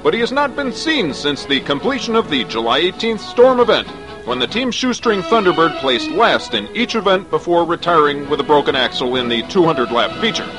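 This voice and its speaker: A man's voice: a little high, sing-song, brisk, over music, rough recording. A man giving an earnest, mock-serious sports news report as announcer.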